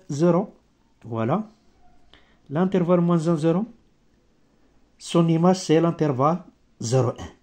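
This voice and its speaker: A male maths teacher improvises a lesson in halting, broken French, since it's not his native language, stumbling over grammar and searching for words as he explains step by step. His voice is slightly high with a darkish tone.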